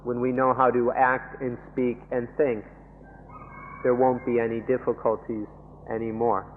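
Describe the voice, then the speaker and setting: A man interpreting a Buddhist sermon in measured, halting phrases. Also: mid-range voice, little pitch movement, a little hiss or hum. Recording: tinny old radio recording.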